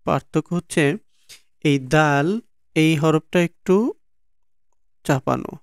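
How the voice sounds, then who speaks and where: A man's voice: a little high, slow pace, smooth, dry recording, clean studio sound. A Bangladeshi man teaching Quran letter pronunciation from slides, patiently repeating each sound many times. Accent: Bangladeshi Bengali. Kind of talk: slow slide-based lesson on letter pronunciation.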